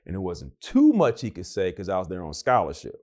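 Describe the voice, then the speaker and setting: A man's voice: low voice, brisk. A young adult man telling his story in a casual interview, acting out the voices of the people in it. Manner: animated, acts out quoted voices. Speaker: guest.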